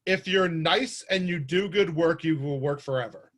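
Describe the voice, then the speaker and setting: A man's voice: fairly high pitch, moderate pace, a bit bright. A man hosting a casual chat, talking earnestly and thoughtfully about films. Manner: earnest, thoughtful film talk. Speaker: host.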